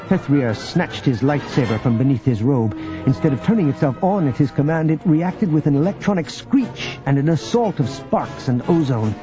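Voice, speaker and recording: A man narrating an audiobook in scripted narration, with even, measured storytelling. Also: mid-range voice. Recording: dull audio with faint background music.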